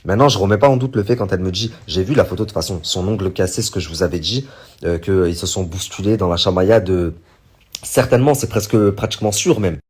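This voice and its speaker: Husky low-voiced man telling a story. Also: fast talker. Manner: rambling, many fillers, quotes others in animated bursts. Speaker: online commentator recounting a story. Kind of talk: casual storytelling to viewers.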